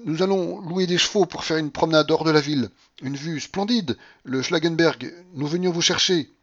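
A man's voice: a little high, normal speed, fairly bright tone, dry recording, voice pushed up. Man doing a trembling, flustered general. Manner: trembling, ingratiating. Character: flustered middle-aged general, desperate. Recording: muffled lo-fi recording.

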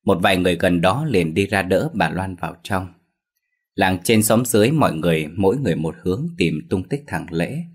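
A man narrating a Vietnamese village ghost story in a steady, measured way. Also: low voice, slightly rough.

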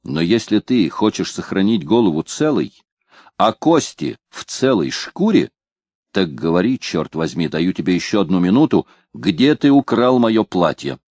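A man's voice: lowish voice, very animated, normal speed, darkish tone, dry recording. A man voicing a hot-tempered sea captain who barks threats. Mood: threatening. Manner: barking threats.

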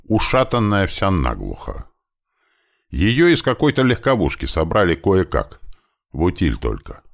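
A man's voice: deep voice, huge pitch swings, measured pace, gravelly, pitched above the performer's own voice, full character voice. A man voicing a practical, plain-spoken male mechanic in an audiobook. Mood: matter-of-fact.

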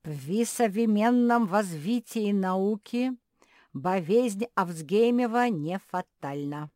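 A woman voicing an absent-minded old male bulldog professor who swaps r and l for v, speaking slowly and loudly. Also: mid-range voice, lively intonation, no echo, studio quality, pitched above the performer's own voice. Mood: lecturing. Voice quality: says "v" for r and l. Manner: slow, drawn-out, lecturing.

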